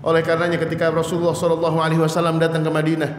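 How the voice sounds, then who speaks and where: A middle-aged man preaching at a mosque study session, telling stories with lively questions to his listeners and acting out voices. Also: fairly high pitch, very fast, a little hiss or hum. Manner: lively storytelling, asks the audience questions, acts out voices. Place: mosque hall. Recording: echoey hall.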